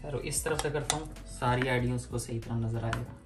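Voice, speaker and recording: A man's voice: mid-range voice, steady tone, fairly quick. A man hosting a home cooking video, chatting casually and explaining each step to viewers. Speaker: cooking vlog host. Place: home kitchen. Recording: echoey room with background music.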